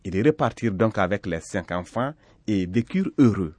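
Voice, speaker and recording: A man narrating a folktale slowly and expressively. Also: on the low side, no room sound. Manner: slow, expressive. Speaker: storyteller.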